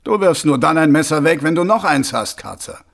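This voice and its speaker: A man's voice: a little high, lively intonation, brisk, gravelly, voice pushed up. A man voicing a stern, tired male watch commander in an audiobook, growling clipped commands. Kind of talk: audiobook character voice.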